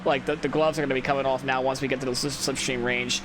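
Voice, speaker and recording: A sleepy, tired gameplay commentator with a medium-pitched, flat voice talks quickly through casual let's-play commentary, rambling, self-critical, and restarting often. Loud racing-game engine noise fills the background.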